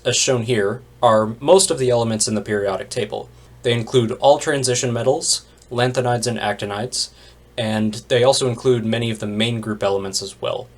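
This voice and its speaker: Man narrating a chemistry lecture. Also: medium pitch. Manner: plain explanatory delivery with wry asides. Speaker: chemistry instructor. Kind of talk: recorded lecture narration over slides.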